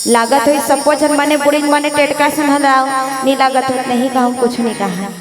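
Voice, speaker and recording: A woman's voice: sits high, fairly even intonation, moderate pace. A woman with a Chhattisgarhi accent who sings Ramayana bhajans and teasingly coaxes the crowd into call-and-response chants on a stage. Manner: teasing, coaxing the audience with repeated questions. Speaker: Ramayana singer leading the crowd. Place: outdoor religious stage gathering. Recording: echoey live stage sound with music.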